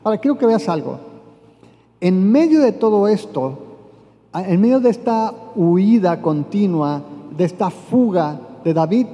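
A man's voice: sits high, expressive, unhurried, mellow, lo-fi sound. A man preaching a sermon, retelling a scripture story and raising his voice for the quoted lines. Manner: retells scripture, voicing quotes with rising emphasis. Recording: long hall reverb.

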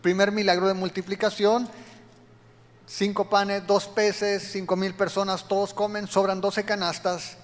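Guy with a high voice giving a sermon, lively, acts out the quotes, big echoey room. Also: unhurried. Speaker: preacher.

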